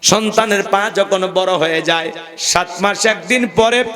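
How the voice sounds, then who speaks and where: A man's voice: sits high, unhurried, a bit bright. A man Islamic preacher giving a melodic, emotional sermon in a chanting, lilting cadence, addressing young men.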